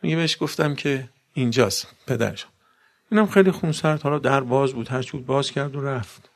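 Gravelly man preaching a sermon. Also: mid-range voice. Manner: preaching with frequent rhetorical questions to listeners; mixes recited Arabic verses into plain talk. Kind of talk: sermon to a gathering.

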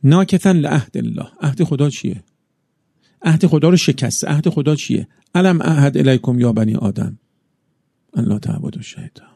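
A man delivers a religious sermon in a low, gravelly, mellow voice. He paces his phrases carefully and weaves in recited verses. He often rises into emphatic bursts, and the dry, close recording keeps every rasp audible. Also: lively intonation, no echo. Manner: measured, builds up in emphatic bursts. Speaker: preacher.

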